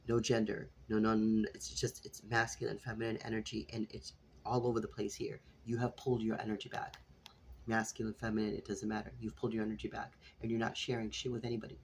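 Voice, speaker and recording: A man's voice: mid-range voice, darkish tone, a little hiss or hum. A man doing a freestyle tarot reading for his viewers. He talks casually, with lots of restarts and repetition, some swearing, and he calls his listeners "sweetheart" and "collective". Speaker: tarot reader.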